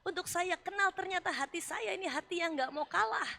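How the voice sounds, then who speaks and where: High bright-voiced woman pastor preaching. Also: brisk, creaky. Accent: Indonesian. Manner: animated, acts out voices of Job and God; conversational, casual asides. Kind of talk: sermon.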